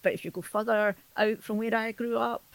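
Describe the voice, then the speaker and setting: A woman's voice: fairly high pitch, fairly even intonation, brisk, gravelly. A woman in her sixties from Scotland with a Scottish accent, a storyteller talking casually on a podcast, laughing often and poking fun at herself. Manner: chatty, laughs often, self-deprecating. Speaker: storyteller guest.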